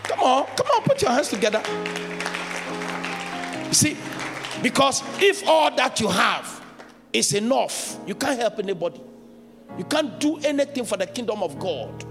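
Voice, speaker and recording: A man's voice: extremely high pitch, big pitch swings, moderate pace, pauses often, a crowd in the background. A man preaching a sermon as a bishop, telling stories with laughs and call-outs to the congregation. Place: large church hall. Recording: long church reverb, faint music.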